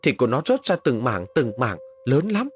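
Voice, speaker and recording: A man's voice: mid-range voice, huge pitch swings, normal speed. A man voicing a frightened young village boy who pleads and cries out in panic, in a spoken horror story. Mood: pleading.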